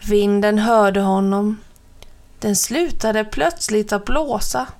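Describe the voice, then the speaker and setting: A woman narrating a children's story in a gentle, expressive way. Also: mid-range voice.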